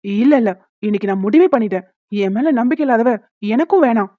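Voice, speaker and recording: A woman's voice: a little high, animated, no echo, lightly acted. A woman voicing a hot-tempered young man, an elder brother who rants indignantly in a cartoon. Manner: indignant, fast and blustery. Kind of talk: cartoon voice acting. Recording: dull lo-fi dry recording.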